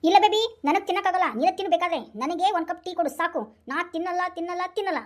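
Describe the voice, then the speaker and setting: A woman's voice: extremely high pitch, racing. A woman voicing a meek, whining young husband in a Kannada cartoon, with a North Karnataka accent. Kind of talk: cartoon voice acting.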